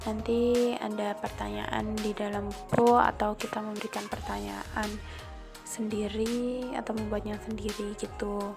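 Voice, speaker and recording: A woman's voice: medium pitch, level tone, unhurried, vocal fry. A woman from Indonesia explaining a lesson plan's grading rubrics, going item by item and often repeating phrases. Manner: walks through each item step by step, repeats phrases, restarts words. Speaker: student teacher explaining a lesson plan. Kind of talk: explaining assessment rubrics aloud. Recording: faint music in the background.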